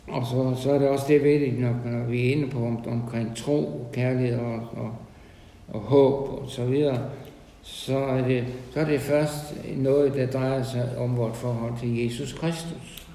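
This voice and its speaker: A man giving an informal sermon to a small meeting, halting and repeating words, then rising to loud emphasis. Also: mid-range voice, fairly even intonation, echoey room, in a large hall, slight background noise, rough recording. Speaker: lay preacher.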